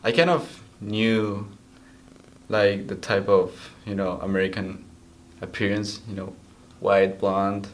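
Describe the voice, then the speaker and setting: A man's voice: lowish voice, steady tone, takes it slowly. A young man from Bolivia, a business student answering interview questions casually, with "like" and "you know". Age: young adult.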